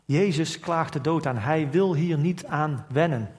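A man's voice: fairly high pitch, a little slow, darkish tone. A man preaching a sermon, asking reflective questions and reading scripture aloud in old formal wording. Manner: reflective, asks rhetorical questions.

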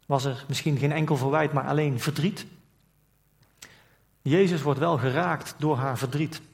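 A man's voice: on the high side, steady tone, moderate pace. A man preaching a sermon, asking reflective questions and reading scripture aloud in old formal wording. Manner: reflective, asks rhetorical questions.

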